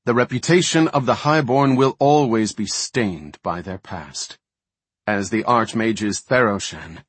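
A man voicing a stern, ancient male elf archdruid who speaks in a grave, reproachful, measured way, with a husky voice. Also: medium pitch, no echo.

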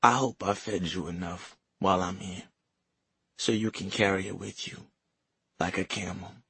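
A man voicing a frail dying grandmother, soft and pained. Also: deep voice, fairly even intonation, normal speed, gravelly, breathy edge, no echo, exaggerated voice. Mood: tender.

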